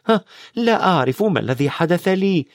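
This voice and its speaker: A man voicing an anxious, bookish schoolgirl, high and insistent, in a storybook reading. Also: animated, fairly quick, dry recording, studio quality.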